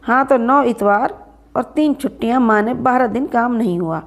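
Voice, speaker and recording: A woman narrating a story in first person, expressive and shifting into a stern employer's voice. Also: fairly high pitch, moderate pace.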